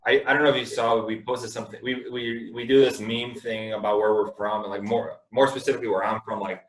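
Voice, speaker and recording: A man with a low voice hosts a podcast in an echoey room. He rambles and jokes, dropping casual swear words. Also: steady tone, fast talker. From Indiana. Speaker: podcast host.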